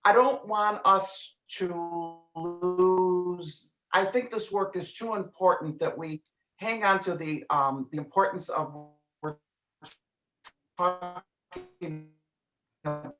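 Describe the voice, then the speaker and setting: A woman's voice: fairly low pitch, fairly even intonation, takes it slowly, pauses often, music in the background, low-quality recording. A woman speaking earnestly in a conference discussion over a video call, her words choppy and cutting out from a bad connection. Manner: apologetic, earnest. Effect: choppy audio, words cutting out from a bad connection. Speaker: conference participant.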